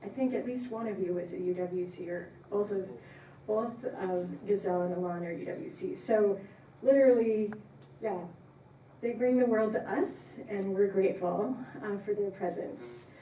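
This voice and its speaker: Speaking emphatically and with appreciation, a professor addresses a congregation informally in a warm, mid-range voice at normal speed. The audio is distant, with room echo and a little faint noise.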